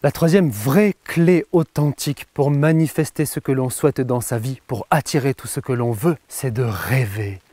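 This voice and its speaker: A man's voice: mid-range voice, moderate pace, hardly any pauses, warm tone, dry recording. A man giving a motivational talk as a coach, emphatic and repeating phrases for effect. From France.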